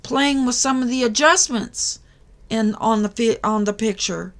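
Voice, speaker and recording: A woman's voice: a little high, measured pace. A tired woman hosting a crafting channel, talking casually to her viewers late at night. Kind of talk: casual tutorial talk to viewers.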